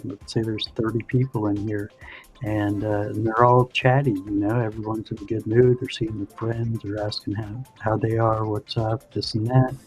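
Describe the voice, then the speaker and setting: A man's voice: lowish voice, a little mellow. A man hosting a livestream, chatting casually and explaining things in a rambling way with lots of "you know". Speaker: livestream host. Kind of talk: casual chat.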